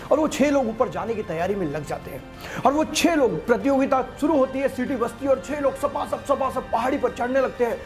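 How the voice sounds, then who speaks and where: A man's voice: very high voice, a little mellow. A man telling a motivational story and addressing listeners as friends. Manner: addresses listeners as friends, voices villagers in quotes.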